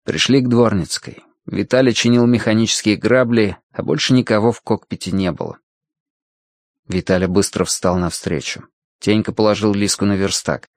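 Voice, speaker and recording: A male narrator reads a story aloud in a steady, quiet way. His voice sits low and the sound is dry and close, with no room around it. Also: moderate pace, no room sound. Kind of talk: audiobook narration.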